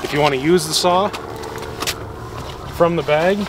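Standing in the snow beside a vehicle, a young gear maker casually demonstrates his product, pausing and picking back up as he works. His pitch sits on the high side. The sound comes from a camera mic a few steps off, so it's distant and carries ambient noise.

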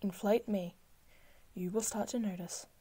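Soft-spoken woman guiding a hypnosis session. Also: medium pitch, steady tone. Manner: soft, slow, soothing, repetitive, with breathy whispered stretches. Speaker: hypnosis guide. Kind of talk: slow guided hypnosis script.

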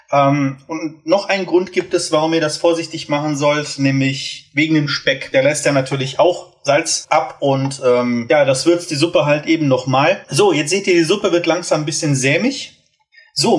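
Male cooking vlogger, a bit higher pitched, casual and talkative, pan sizzling behind. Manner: chatty, explains steps while cooking. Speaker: cooking channel host. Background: food sizzling in a pan.

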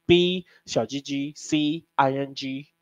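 A man's voice: medium pitch, fairly even intonation, slow pace, smooth. A man teaching an English class, teasing his students and spelling words out letter by letter. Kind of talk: classroom lesson. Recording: dull lo-fi classroom recording.

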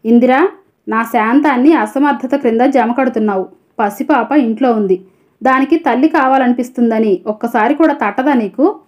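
A woman's voice: on the high side, normal speed, darkish tone, muffled recording, lightly acted. A woman reading as a weary young husband.

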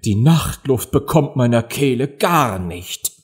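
A man's voice: medium pitch, animated, slow. A man voicing a prim, fretful old magpie.

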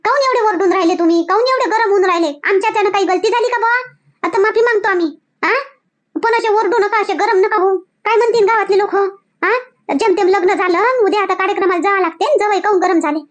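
A woman with a Varhadi Marathi accent playing a worried middle-aged mother-in-law who asks question after question and pleads for calm. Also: very high voice, fast. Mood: pleading.

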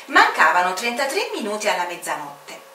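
A woman's voice: medium pitch, wildly swooping pitch, moderate pace, echoey room, recorded from a distance, a little hiss or hum. Woman reading a fairy tale to kids. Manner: warm, coaxing, speaks to the child directly. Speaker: children's storyteller host.

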